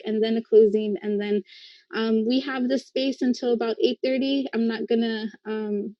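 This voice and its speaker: A woman hosting an online talk, introducing the program and the guest in a measured way and dropping in Spanish words. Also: on the high side, dry recording. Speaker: event host. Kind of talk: reading an introduction on a video call. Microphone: video call. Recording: dull lo-fi call audio.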